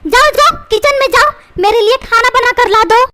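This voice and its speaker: A woman's voice: very high-pitched, normal speed, heavy background noise. A woman voicing a cheeky, scheming young boy who fakes being sick to skip school, talking in a whiny, pleading way. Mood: bossy.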